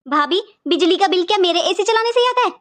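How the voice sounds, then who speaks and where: A woman voicing a weary, hurt young mother in a cartoon, speaking softly and resignedly. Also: very high-pitched, expressive, quick pace, dry recording. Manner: soft, subdued, resigned. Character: weary, hurt young mother staying at her parents' home.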